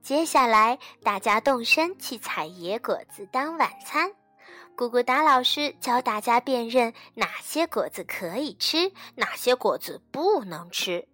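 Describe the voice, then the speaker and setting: Slow bright woman reading a bedtime story. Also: a little high, sing-song, faint music behind. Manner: slow, soothing, fading to soft.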